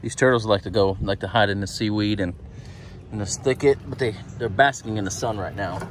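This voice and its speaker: A man's voice: fairly low pitch, brisk. A man, chatting and joking casually while filming himself from a kayak on a lake. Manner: laid-back, joking, upbeat banter. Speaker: vlogger filming a family kayak outing. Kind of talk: casual outdoor vlog chat. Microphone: camera at arm's length. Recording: outdoor wind and water noise.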